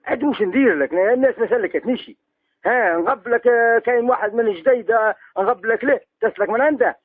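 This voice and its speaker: Husky fast man on a tinny phone line. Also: extremely high pitch, dry recording. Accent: Algerian. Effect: heard over a phone line. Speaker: seller on a phone call. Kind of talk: comic phone call.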